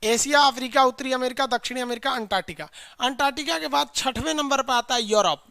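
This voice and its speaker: A man's voice: extremely high pitch, quick pace, gravelly, pushed and bright, no room sound, clean studio sound. A man teaching a live online class in a colloquial, chiding way, drilling his students with repeated call-and-response lists.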